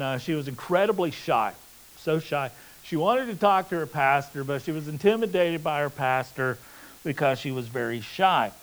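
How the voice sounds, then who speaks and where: A man giving a sermon, telling a story with animated delivery that drops soft and hushed for quoted lines. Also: a little high, rough recording. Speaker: preacher.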